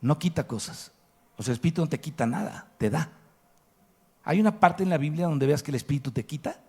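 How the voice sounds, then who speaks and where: A man's voice: on the high side, expressive, fairly quick, mellow, slightly rough. A man with a Mexican Spanish accent preaching a sermon to his congregation, emphatic and asking rhetorical questions. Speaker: pastor. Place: church hall.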